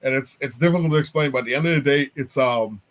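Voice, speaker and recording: A man's voice: medium pitch, fast talker. A man, an artist and apparel designer, chatting casually as a guest on a video call and laughing as he explains things. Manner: easygoing, laughs while explaining.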